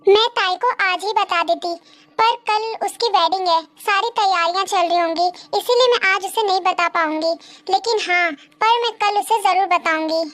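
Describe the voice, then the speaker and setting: A woman's voice: very high voice, normal speed, fairly bright tone. A young woman voicing a guilt-ridden young woman who has decided to confess, earnest and resolved, in a Hindi fan dub. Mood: troubled.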